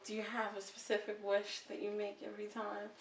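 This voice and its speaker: A woman in her thirties hosts a casual interview show, her medium-pitched voice running a little fast. She's upbeat and chatty with lively bursts of excitement, recorded from a distance in an echoey room with faint noise.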